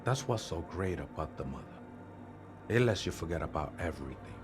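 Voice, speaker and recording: A man doing a dreamy, deep-voiced church drifter. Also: animated, a little fast, over music. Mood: flat. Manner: dreamy, drawling slang. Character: spaced-out male church squatter calling himself a seraph. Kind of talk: reading game dialogue aloud.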